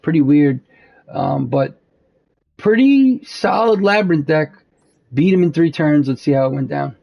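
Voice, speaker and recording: A man's voice: fairly high pitch, expressive, a little slow, vocal fry, highs cut off. A man hosting a card game channel, talking casually through gameplay in a rambling way full of fillers, tired and losing his voice.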